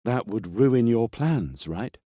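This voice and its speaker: A man voicing a sharp, sarcastic female TV journalist with a dry manner. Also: mid-range voice, animated, slow, no echo, pitched above the performer's own voice.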